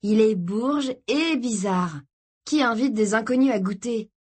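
A woman's voice: on the high side, a little slow, a little mellow, breathy edge. A woman voicing a grumpy, suspicious teenage boy in a read-aloud story, close to her own voice. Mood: grumbling. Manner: sulky, grumbling.

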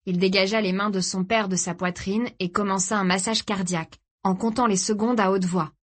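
Female audiobook narrator, mid-pitched, steady and serious. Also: a little fast. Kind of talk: scripted dramatic narration.

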